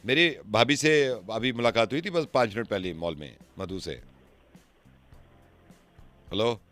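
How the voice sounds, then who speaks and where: A man's voice: mid-range voice, lively intonation, unhurried, a bit bright, no room sound, soft background music. Chatty male radio prankster, dry studio sound. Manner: chatty, innocently provoking. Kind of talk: prank phone call.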